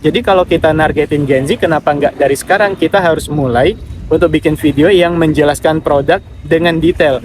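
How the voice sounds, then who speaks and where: A man's voice: fairly high pitch, brisk, slight background noise. A man hosting a casual live Q&A, giving direct advice and reading out viewer comments. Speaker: affiliate marketing livestreamer.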